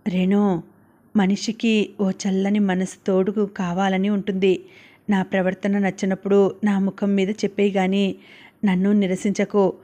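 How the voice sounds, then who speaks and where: A woman's voice: medium pitch, level tone, unhurried, dark tone, lightly acted. A woman narrator reading the lines of an earnest young man in love, in a sincere, pleading way, in a storybook.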